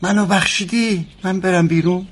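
A man's voice: high-pitched, steady tone. An actor playing a stubborn, teasing older husband who bickers with his wife. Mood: bickering.

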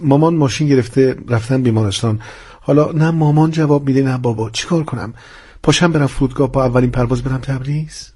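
A man's voice: medium pitch, mellow, slightly rough, pitched above the performer's own voice, close to an everyday voice. Guy doing a stressed-out husband in a story, pleading and urgent. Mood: worried. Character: worried young engineer, anxious husband.

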